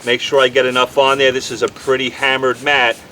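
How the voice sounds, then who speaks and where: Fast-talking New York man outdoors. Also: medium pitch, flat delivery, sharp tone. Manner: talks fast, chatty and candid. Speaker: auto detailer reviewing products. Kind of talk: casual product review vlog. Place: outdoors on a windy day. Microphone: camera mic outdoors. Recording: faint wind and outdoor noise. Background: outdoor ambience and breeze.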